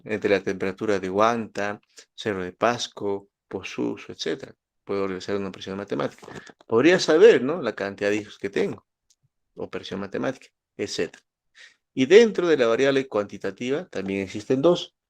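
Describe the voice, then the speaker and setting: A man's voice: fairly low pitch, creaky, a little mellow. A man from Peru, teaching statistics and often checking in with his students. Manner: asks students questions, gives everyday examples. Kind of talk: lecture to students.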